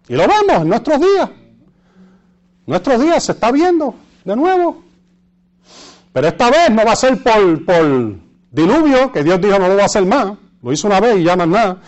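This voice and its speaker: A man with a Puerto Rican Spanish accent preaching and reading scripture, repeating phrases for emphasis and pausing to search for words. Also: high voice. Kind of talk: sermon with Bible readings and asides to listeners.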